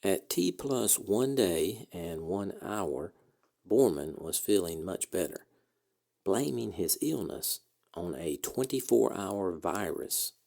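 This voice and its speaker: A man reading scripted historical narration as a podcast host, in a measured, orderly way. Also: sits low, lively intonation, vocal fry, mellow.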